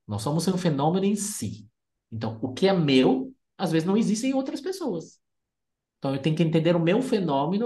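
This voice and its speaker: A speaker, calmly explaining family dynamics and telling teaching stories on a podcast. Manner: gentle, didactic, pitch rising and falling. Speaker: family constellation therapist guest. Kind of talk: explanatory storytelling.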